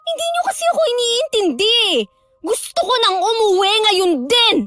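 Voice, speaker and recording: A woman's voice: extremely high pitch, lively intonation, moderate pace, sharp tone, no room sound, soft background music, voice pushed up, full character voice. A woman voicing a troubled schoolgirl in a horror audio drama, sullen and frightened, snapping back at her grandmother. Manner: sulky, pleading, snaps back.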